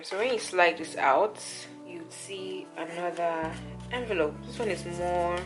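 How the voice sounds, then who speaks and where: A woman with a slightly low voice talks informally to her viewers as a vlogger. She repeats words for emphasis, and music plays clearly behind her. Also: unhurried. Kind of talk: casual chat to viewers.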